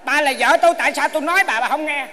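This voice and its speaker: A grumpy old husband, put on by a woman with a Southern Vietnamese accent, scolding fast in a high voice. He nags his wife without pause in a stage comedy sketch. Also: a bit bright, slight background noise. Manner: scolding, nagging. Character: grumpy bossy elderly husband.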